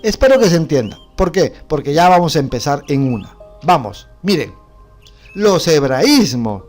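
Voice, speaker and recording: A man's voice: on the high side, sing-song, moderate pace, darkish tone, faint music behind. A man with a Bolivian Spanish accent teaching a Bible class, explaining points and asking the class rhetorical questions.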